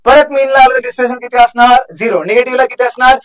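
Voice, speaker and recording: A young man with a Marathi accent teaching a fast physics exam crash course, chatty and joking, quizzing students over and over on formulas. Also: extremely high pitch, steady tone, poor audio. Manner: chatty, joking, drills formulas with repeated questions.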